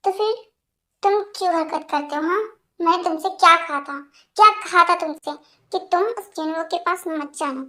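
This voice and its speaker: A woman voicing a hot-tempered, possessive young man in an amateur fan dub, speaking angrily and forcefully. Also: very high voice, slow pace, pitched below the performer's own voice, full character voice. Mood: angry. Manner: angry, forceful, then pleading.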